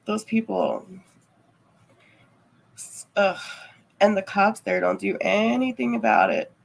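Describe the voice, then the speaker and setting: Creaky-voiced woman chatting casually. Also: mid-range voice, takes it slowly, low-quality recording. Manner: rambling, heavy on fillers like "like" and "man". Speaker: livestreamer chatting with viewers. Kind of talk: casual chat.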